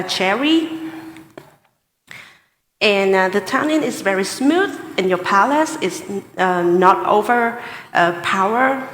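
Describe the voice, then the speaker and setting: A woman works through a tasting assessment at a slow, deliberate pace. She pauses between short phrases and hesitates as she chooses words. Her voice sits at a medium pitch and echoes through a hall with long reverb. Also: fairly bright tone, a little hiss or hum. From Vietnam. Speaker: sommelier competition contestant. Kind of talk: spoken wine tasting assessment before judges.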